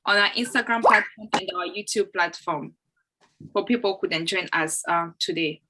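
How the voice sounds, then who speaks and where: A young Ugandan woman hosts a live video-call session, chatty and welcoming with plenty of fillers, her mid-range voice sharp in tone at normal speed. The audio, from a laptop or phone mic on the call, is poor.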